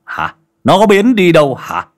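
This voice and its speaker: A man voicing a tyrannical rich village landlord who shouts and bullies a servant. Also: a little high, huge pitch swings, normal speed, voice pushed up. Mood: bullying angry. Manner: shouting, bullying.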